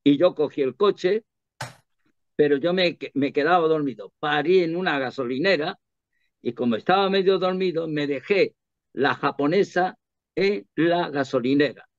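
Man with a higher voice, chatty storyteller. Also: normal speed, no room sound, lo-fi sound. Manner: animated, rambling, many restarts. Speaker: interview guest, performer. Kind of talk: casual anecdotal storytelling. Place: radio studio.

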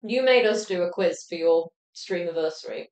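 A woman's voice: on the low side, normal speed, a little mellow, slight background noise. A woman hosting a casual quiz on a livestream, giggly and chatty, explaining at length. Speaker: quizmaster on a livestream. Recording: roomy echo.

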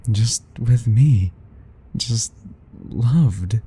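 In ASMR romance roleplay, a man performs a young, soft-spoken yandere lover who is doting, obsessive and possessive. His mid-range voice is exaggerated, very mellow, soft, husky and breathy, murmuring slowly and intimately while coaxing and talking to himself.

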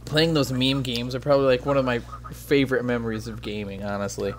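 A male game streamer rambles in casual chat, swearing freely and poking fun at himself. His pitch sits in an ordinary middle range. A steady hiss of background noise runs under the recording. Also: fast talker. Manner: profane, rambling, self-mocking.

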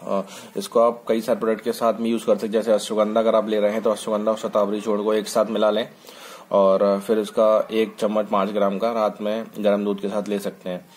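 On a phone indoors, a man casually reviews a product to camera while his hands handle a bottle on a table. His voice is lowish, a little mellow, fairly quick and level in tone. He speaks informally, hesitating with fillers and restarts and mixing in English words.

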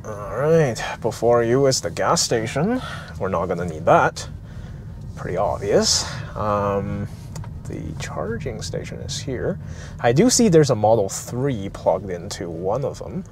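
A man with a fairly low, sing-song voice speaks a little slowly, casually narrating an electric car road trip vlog. He explains things with frequent ums and uhs, recorded in a car and out in a parking lot amid noisy outdoor vehicle ambience.

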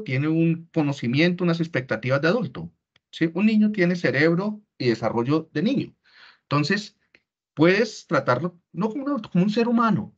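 A man giving an online parenting workshop in a conversational way, often checking in with the audience. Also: a little high. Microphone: video call. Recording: dull lo-fi call audio.

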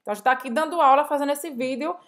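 A woman's voice: high voice, rapid-fire, fairly bright tone. A woman co-hosting a French lesson, explaining in a chatty way and urging viewers to repeat along. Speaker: French teacher. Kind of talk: bilingual language lesson.

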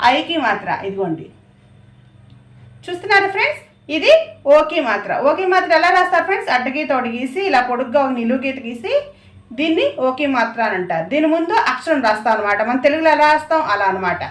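A woman's voice: high-pitched, fairly bright tone, reverberant. A woman teaching a language lesson, explaining patiently and repeating herself as she writes. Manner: patient, repetitive explaining while writing. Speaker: Hindi teacher.

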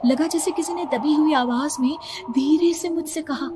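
A woman with a high voice tells a horror story in the first person. Her delivery is dramatic and suspenseful, and clear music plays beneath her. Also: moderate pace. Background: background music.

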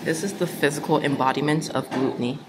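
A woman's voice: sits low, fairly even intonation, quick pace, noisy background. A young woman narrating a travel vlog in a chatty, upbeat way, talking to a handheld camera. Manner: chatty, upbeat, laughs easily. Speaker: travel vlogger. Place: car, restaurants and outdoor park. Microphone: handheld camera at arm's length.

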